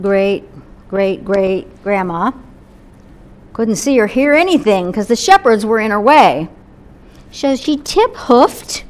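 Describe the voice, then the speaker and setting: A woman pastor telling a gentle story sermon in a church service, her voice softening to near-whispers at the ends of phrases. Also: mid-range voice.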